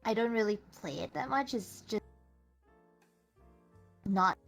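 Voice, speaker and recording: A soft-spoken, hesitant young woman talking casually as a guest over an online voice chat, her audio cutting out with uneven volume. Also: mid-range voice, animated, slow, vocal fry, soft background music. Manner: soft-spoken, hesitant, many fillers and restarts. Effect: choppy online voice chat that cuts out, uneven volume. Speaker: guest streamer.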